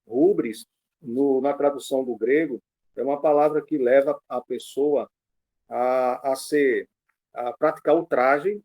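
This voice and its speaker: A man's voice: mid-range voice, dark tone. A man who is a pastor, explaining Greek word meanings to a church book club over a video call in a teaching tone. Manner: explanatory, teaching tone with frequent fillers.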